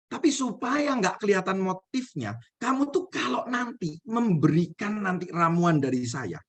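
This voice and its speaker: A calm shaman, played by a man lays out firm instructions in a plain, matter-of-fact way. His voice sits fairly high and stays steady as he explains. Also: slightly rough, full character voice.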